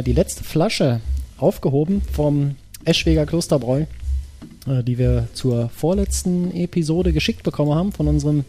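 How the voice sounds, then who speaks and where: Man, podcast co-host, dark mellow voice, casual chat, chuckles a lot. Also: fairly high pitch. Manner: chuckling, filler-heavy talk.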